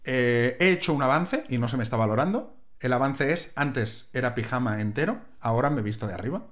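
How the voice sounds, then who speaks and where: A man co-hosting a podcast from home, telling stories in a casual, animated way and acting out other people's lines. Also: mid-range voice, brisk. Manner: animated storytelling with mimicry. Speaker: podcast co-host. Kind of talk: casual chat.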